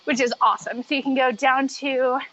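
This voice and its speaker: High-voiced woman, slightly muffled audio. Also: fairly even intonation, a little fast, a bit bright. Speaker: podcast guest, treadmill runner. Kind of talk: casual interview conversation.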